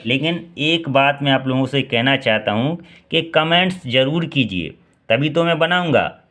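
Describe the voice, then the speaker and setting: In his thirties and from India, this man has a mid-range, sharp-toned voice. He teaches an exam-prep maths lesson, quizzing the listener, answering his own questions, and repeating key steps.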